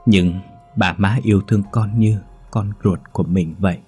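Man doing wounded old mother, tender, soft, low husky voice. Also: fairly even intonation, moderate pace, faint music behind. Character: loving older mother, wounded yet tender.

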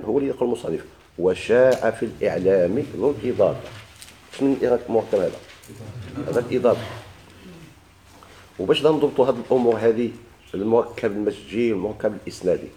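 A man with a Moroccan Arabic accent gives a classical grammar lesson in a rapid flow, his voice low-pitched and mellow. He recites a verse and then unpacks it point by point, pausing to question his students. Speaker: teacher.

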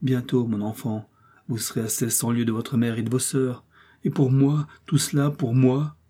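A man's voice: mid-range voice, flat delivery, normal speed, mellow, husky, natural voice. A man voicing an anguished young husband sent into exile, crying out in regret.

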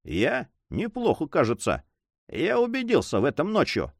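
A man's voice: a little high, wildly swooping pitch, normal speed, gravelly, dry recording, studio quality, voice pushed up, exaggerated voice. A man voicing a grumbling, sleepy male servant who talks bluntly and exclaims a lot. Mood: exclaiming.

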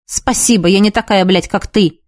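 A woman's voice: mid-range voice, moderate pace, no room sound, natural voice. A spiteful, bitter teenage ballet girl, voiced by a woman reader, sneering and hostile in a voice near the reader's own. The sound is dry and close.

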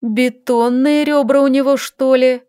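A woman's voice: high voice, steady tone, unhurried, warm tone, clear, resonant tone, no echo, studio quality, voice pushed up. A woman voicing a fiery, capricious young noblewoman who talks in an indignant, demanding, snappy way in an audiobook.

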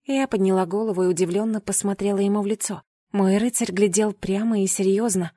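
A woman reading a first-person fantasy audiobook with expressive, dramatic storytelling. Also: medium pitch, fairly quick, no echo. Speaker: audiobook reader.

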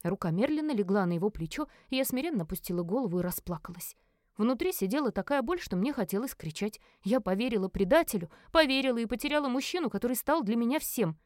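A woman narrating a first-person fantasy audiobook with an expressive, dramatic reading. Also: on the high side, fast talker, no echo, clean studio sound.

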